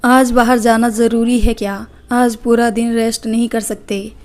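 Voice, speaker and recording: Woman playing a drowsy young wife, storybook, kinda high pitched, reluctant. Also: little pitch movement, a little fast, mellow, lightly acted. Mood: sleepy. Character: sleepy, lazy young wife.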